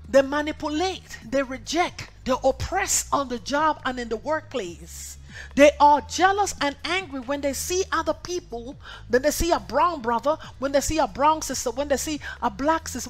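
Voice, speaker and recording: A woman preacher delivering a sermon in an emphatic, repetitive cadence, her loudness rising and falling between lines. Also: high-pitched.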